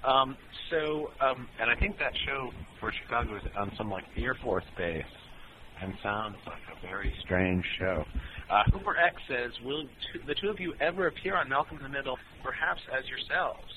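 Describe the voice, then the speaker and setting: A man in a band answering fan questions in a relaxed, rambling way with many ums and uhs. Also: medium pitch, normal speed, noisy background. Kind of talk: casual Q&A chat.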